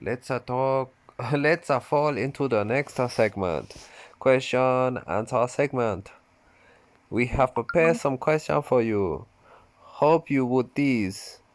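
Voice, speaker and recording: A man reading a formal crypto event host's lines in a mock Japanese accent, stiff and halting. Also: medium pitch, dry recording, voice pushed up, natural voice. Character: male crypto event host, formal and polite.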